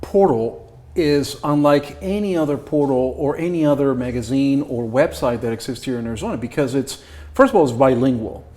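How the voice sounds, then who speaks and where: A man's voice: medium pitch, brisk, warm tone. A man from Ecuador with an Ecuadorian Spanish accent, hosting a casual interview show in a chatty, digressive, joking way. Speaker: talk show host.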